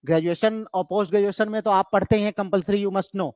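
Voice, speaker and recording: High-voiced Indian man teaching in a dry room. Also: fairly even intonation, a little mellow, no room sound. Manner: explains step by step, asks and answers his own questions; slows down to read English terms. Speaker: English literature teacher. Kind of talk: exam-prep lecture.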